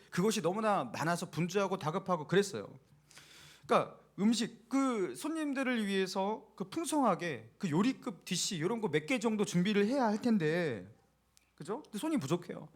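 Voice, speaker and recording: Animated Korean pastor preaching a sermon. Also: male voice, sits high. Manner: animated storytelling, acting out quotes and asking the congregation questions. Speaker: senior pastor. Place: church sanctuary.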